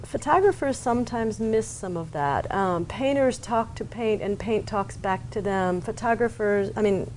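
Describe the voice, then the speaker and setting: A woman in her thirties from Atlanta, an artist talking about her work in a reflective interview, thoughtful and pausing often. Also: medium pitch, a little mellow, slight background noise. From Atlanta, Georgia, US. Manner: thoughtful, pauses with fillers.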